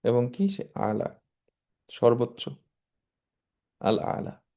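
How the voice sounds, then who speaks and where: A man's voice: mid-range voice, sing-song, gravelly, mellow. A man teaching Quranic Arabic grammar, explaining each word in turn and mixing English terms into his talk. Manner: slow, measured recitation of verses.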